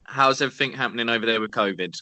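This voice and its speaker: Talking very fast with a sharp, mid-range voice, a young man in his 20s co-hosts a laid-back podcast indoors at home. He's chatty, upbeat, and encouraging, and the audio has no room sound.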